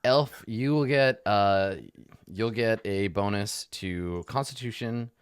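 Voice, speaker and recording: A man's voice: fairly low pitch, takes it slowly, clean tone, no echo, clean studio sound. A man acting as game master, casually explaining tabletop rules with joking asides.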